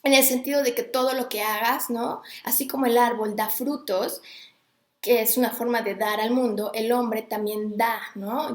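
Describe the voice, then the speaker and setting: Hosting a relaxed livestream about Sanskrit recitation, a woman with a slightly high voice chats with viewers, wanders off on tangents, and pauses to say hello to people. The sound is roomy.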